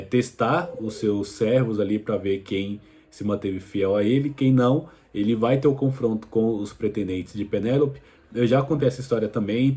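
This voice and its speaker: A man hosting a history video, casually retelling an ancient story with loose, colloquial phrasing and frequent hesitations. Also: fairly low pitch. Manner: relaxed retelling with frequent fillers and restarts; colloquial, addresses viewer directly. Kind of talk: casual educational explainer.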